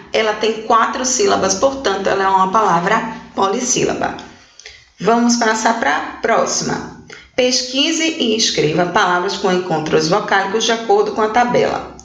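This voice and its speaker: A woman's voice: fairly high pitch, vocal fry, a bit bright. A woman teaching young children, going through exercises and drawing out words syllable by syllable, often checking in with her pupils. She speaks Brazilian Portuguese. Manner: slow, syllable-by-syllable spelling out of words. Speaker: primary school teacher. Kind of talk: recorded remote lesson, correcting exercises. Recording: echoey room.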